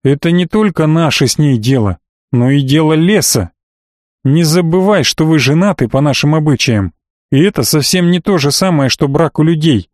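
A man's voice: fairly high pitch, expressive, moderate pace, darkish tone, no room sound, clean studio sound, lightly acted. A man voicing an arrogant, stiff male elf, a father-in-law, in an audiobook reading. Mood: haughty.

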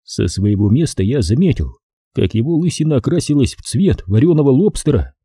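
A man narrating a first-person detective novel in a dry, even-paced audiobook reading. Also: mid-range voice, a little fast, breathy edge, dry recording.

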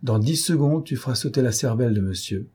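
A man reading an audiobook, voicing a smooth, coldly polite and ironic male gang boss in a somewhat higher tone. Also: lively intonation, brisk, mellow. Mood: menacing. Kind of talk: audiobook character voice.

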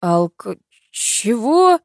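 A woman's voice: on the high side, sing-song, a little mellow, no room sound, clean studio sound, pitched above the performer's own voice, exaggerated voice. Alex: a woman voicing a dazed young man. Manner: halting, confused, hesitant. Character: bewildered young man in a hospital bed. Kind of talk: audiobook reading.

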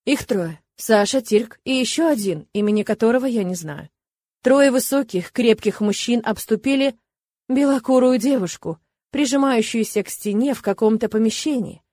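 A woman narrating a first-person fantasy audiobook with expressive, lively storytelling. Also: a little high, normal speed, dry recording.

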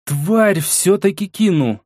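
A furious young woman warrior shrieks curses, as a male reader puts her on, her voice pushed well up into a high, strained register. The recording is dry and close, with no room sound. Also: normal speed, no echo, natural voice. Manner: swearing, screaming in rage.

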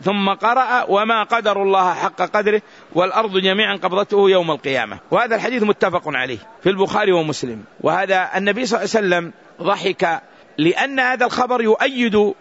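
High-voiced sheikh teaching a lesson. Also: male voice, fairly bright tone. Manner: explanatory, repeats words to drill pronunciation. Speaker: Islamic scholar teaching a book. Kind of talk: religious lesson commentary. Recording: dull lo-fi recording.

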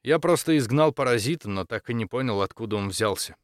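A man's voice: mid-range voice, lively intonation, a little fast, no room sound, studio quality, lightly acted. A man voicing an earnest, polite young male exorcist in an audiobook, speaking courteously and eagerly.

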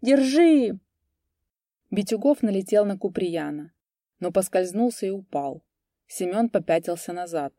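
Low, mellow woman narrating a story. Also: dry recording, clean studio sound. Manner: measured, dramatic storytelling. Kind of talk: scripted audiobook narration.

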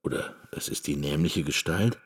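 A man reciting reflective lines in a radio drama, in a slow, meditative way. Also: a bass voice, breathy edge. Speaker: narrating voice.

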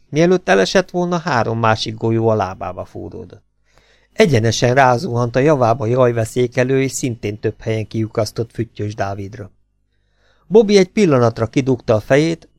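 A man narrating a pulp adventure novel in an audiobook, with a measured, even storytelling delivery on a close mic. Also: medium pitch, creaky, dry recording.

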